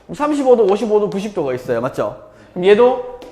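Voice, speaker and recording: Male math teacher, live class, bright lively delivery, roomy echo. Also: high-pitched, quick pace. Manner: lively, constantly checking with students. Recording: echoey classroom.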